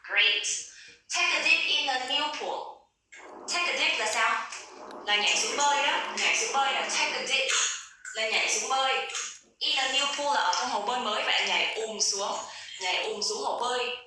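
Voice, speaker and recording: A young woman teaching an online English lesson, explaining words and slowly modeling pronunciation. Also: high voice, pushed and bright, recorded from a distance, a little hiss or hum. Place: room at home, neighbors noisy. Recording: echoey room, voice off-mic.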